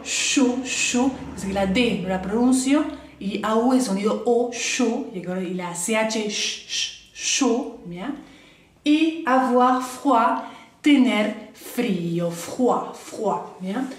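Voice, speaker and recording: A woman teaching French grammar, slowing down to model each French word and often checking that her viewers follow. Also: on the high side. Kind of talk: explaining grammar to the camera. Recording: echoey room.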